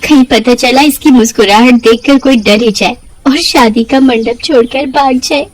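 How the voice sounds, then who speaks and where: A woman's voice: fairly high pitch, normal speed, a little hiss or hum, close to an everyday voice, poor audio. A woman voicing a vain young woman who mocks her cousin in a cartoon story. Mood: scornful. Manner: mocking, scornful.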